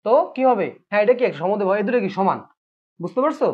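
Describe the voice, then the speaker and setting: A man's voice: high voice, rapid-fire, breathy edge. Man, math teacher, patient, repeats questions, classroom, muffled lo-fi sound. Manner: patient, asks students questions and repeats points. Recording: dull lo-fi recording.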